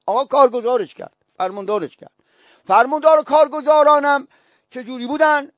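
A man's voice: extremely high pitch, dry recording. A male preacher delivering a sermon, telling stories with emphatic repetition. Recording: dull, dry recording.

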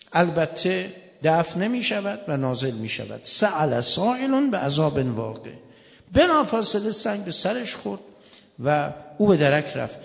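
A man's voice: sits high, gravelly. A man preaching a sermon from the pulpit, telling stories and quoting scripture with emphatic rises. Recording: echoey hall with long reverb.

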